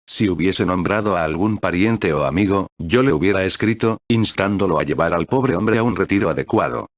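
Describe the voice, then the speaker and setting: Male storyteller, deep and steady, dry close sound. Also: dry recording. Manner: measured, steady reading. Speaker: narrator. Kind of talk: scripted story narration.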